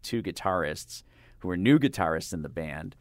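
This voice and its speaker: An older man, a radio interviewer, talking in a rambling, halting way with lots of fillers and restarts. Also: low voice, animated, dry recording, studio quality. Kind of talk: casual interview chat. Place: radio studio. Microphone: studio microphone.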